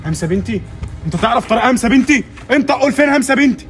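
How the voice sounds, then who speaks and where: A man's voice: on the high side, racing, reverberant, soft background music, close to an everyday voice. A man playing a cruel, greedy Egyptian father. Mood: demanding. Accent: Egyptian Arabic. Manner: demanding, threatening.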